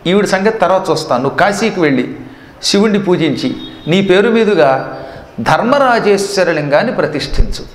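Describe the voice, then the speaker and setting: A man voicing a calm, commanding sun god father giving instructions. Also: high-pitched, fairly quick, reverberant, long reverb tail. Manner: steady, instructing.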